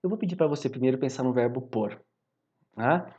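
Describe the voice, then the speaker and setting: Brazilian guy teaching grammar, bouncy pitch, kinda muffled recording. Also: brisk. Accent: Brazilian Portuguese. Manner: animated, repeats "maravilha?" and "tá?" to check in with students. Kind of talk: classroom video lesson.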